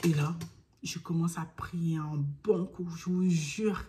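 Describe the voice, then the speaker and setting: A young woman vlogger talking casually to camera, telling a personal story. She acts out her own pleas and sometimes drops to a hushed near-whisper. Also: lowish voice, fairly even intonation, takes it slowly, slight background noise.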